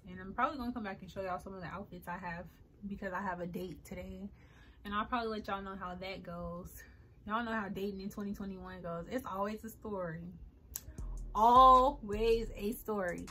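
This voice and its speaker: A twenty-four-year-old beauty vlogger, her mid-range voice pushed and bright, rambles casually on camera while getting ready. Her get-ready-with-me chat is full of ums and likes.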